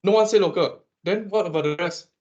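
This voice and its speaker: Teasing Malaysian lecturer, lo-fi sound. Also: male voice, high voice, fairly quick. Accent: Malaysian English. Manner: animated, teasing, quizzes the class. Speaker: economics lecturer. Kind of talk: classroom lecture.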